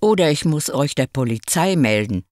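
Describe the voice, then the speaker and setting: Woman doing a gruff train conductor. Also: low voice, expressive, moderate pace, a little mellow, no room sound, clean studio sound. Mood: stern. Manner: stern, impatient.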